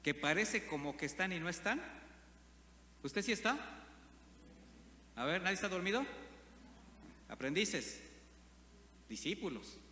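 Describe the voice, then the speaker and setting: A man's voice: sits high, lively intonation, a little slow, pauses often, bright, forceful tone. A man preaching a sermon, often asking the congregation questions. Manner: asks the congregation frequent rhetorical questions. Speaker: pastor. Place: church hall. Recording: reverberant church hall with faint hum.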